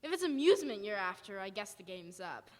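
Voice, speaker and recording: A woman's voice: medium pitch, sing-song, fairly quick, close to an everyday voice. A woman playing a defiant, wary militia survivor with blunt, folksy, emphatic speech in a live radio drama. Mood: grimly reasoning. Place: church hall stage, live performance. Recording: echoey hall, live performance.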